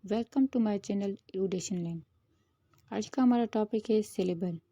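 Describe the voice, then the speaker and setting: Woman teaching in a mellow voice. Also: mid-range voice, takes it slowly, gravelly, dry recording. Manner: steady explanatory, mixing English terms into Hindi. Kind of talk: explaining a lesson.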